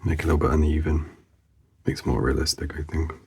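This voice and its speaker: Deep gravelly mumbling man drawing. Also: fairly even intonation, quick pace. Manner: mumbling, rambling, self-talk with fillers. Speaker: drawing channel host. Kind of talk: casual mumbled commentary while drawing.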